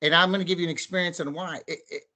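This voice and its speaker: Male podcast co-host, slightly higher voice, eager casual interjections. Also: steady tone, racing, pushed and bright. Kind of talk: casual chat.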